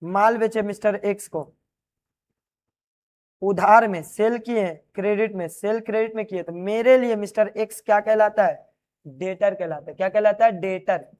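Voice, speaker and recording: A man's voice: high voice, normal speed, a little mellow. Man teaching, quizzing students. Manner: repeats key terms as questions and answers them; explains while writing on a board. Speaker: commerce teacher. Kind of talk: classroom lecture to students.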